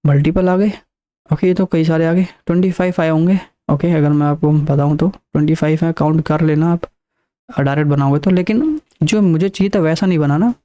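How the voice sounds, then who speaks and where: A man's voice: fairly high pitch, dark tone. A man teaching a programming lesson, walking through the code step by step and counting aloud as he explains. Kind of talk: screen-recorded coding lesson.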